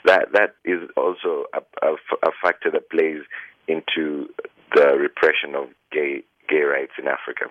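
Over a thin, tinny phone connection, a Kenyan man who works as a human rights lawyer responds to interview questions in a very deep, low voice. His tone stays level and sincere, broken by fillers and restarted phrases as he works out what to say, and the recording is dry with no surrounding room.

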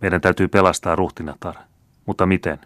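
A man's voice: low voice, steady tone, fairly bright tone, dry recording, studio quality. A man reading the lines of a remorseful noble count in an audiobook, in an earnest, heartfelt way. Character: noble middle-aged male count, remorseful.

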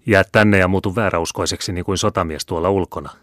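A man voicing a stern, scheming Jesuit monk who speaks with low, commanding menace. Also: fairly even intonation, a bit bright, no echo, studio quality. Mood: mocking.

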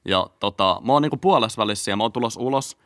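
A man's voice: lowish voice, a bit bright, no echo, clean studio sound. A young man with a Finnish accent, telling a story in a hesitant, filler-heavy way. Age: young adult. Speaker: podcast guest. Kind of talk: casual storytelling chat.

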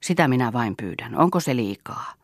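A man's voice: medium pitch, animated, no room sound, studio quality, close to an everyday voice. A man voicing an older male veteran reveler who gives a solemn, sentimental toast.

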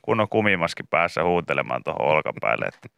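A man's voice: low voice, sing-song, vocal fry, a bit bright, clean tone, no echo. A male radio morning show host in casual on-air banter, joking and reading out news snippets in a studio. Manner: jokey, reads out news snippets between asides. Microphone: studio microphone.

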